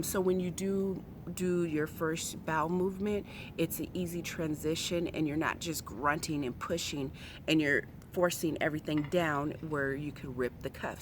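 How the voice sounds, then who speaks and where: In a casual vlog, a woman in her forties chats frankly to her viewers, emphatic and direct. Her voice sits low, and background noise can be heard.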